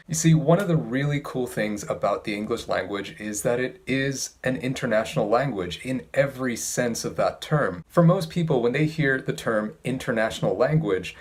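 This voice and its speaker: A man giving an instructional talk as an English teacher, speaking in a precise, measured way with careful enunciation. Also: lowish voice.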